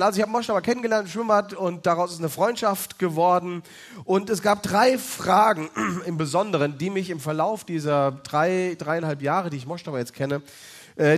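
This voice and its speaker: High-voiced man telling a personal story. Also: brisk. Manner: loose, chatty storytelling with many fillers. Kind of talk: personal faith testimony, told as a story.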